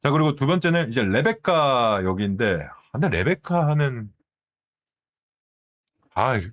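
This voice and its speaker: A man streaming, chatting casually in an animated way and often asking his viewers questions. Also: mid-range voice, a little slow. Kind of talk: casual commentary.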